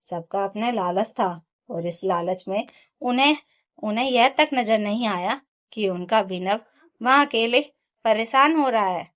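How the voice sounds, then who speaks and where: Female storyteller, emotional story narration, mid pitch, steady and expressive. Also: measured pace.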